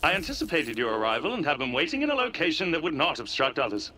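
A man's voice: a little high, huge pitch swings, fast, bright, forceful tone, slight background noise, exaggerated voice. A man voicing a robot assistant who speaks in stiff, formal, literal wording. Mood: deadpan.

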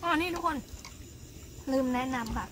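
A woman's voice: high-pitched, moderate pace. A young woman hosting a casual camping vlog, cheerfully addressing viewers at an outdoor lakeside campsite. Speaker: vlog host. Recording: outdoor recording with clear background noise.

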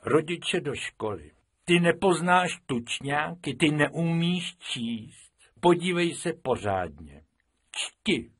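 Guy doing a stuffy old-school teacher, slow know-it-all lecturing, raspy. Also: mid-range voice, expressive, no room sound, clean studio sound. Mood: scolding. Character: pompous schoolteacher man, lecturing, easily annoyed.

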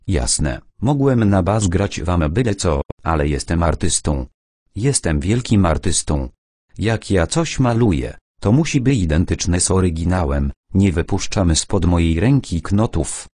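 A man's voice: low-pitched, darkish tone, no room sound, clean studio sound. A man voicing a boastful male art forger who swings between whining and bragging, in a storybook reading. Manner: self-pitying, then boastful.

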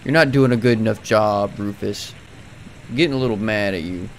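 A young man giving jokey, playful commentary on his video game, sometimes yelling in mock panic. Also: on the low side, moderate pace. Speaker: gaming video creator. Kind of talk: comedic gameplay commentary. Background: game music.

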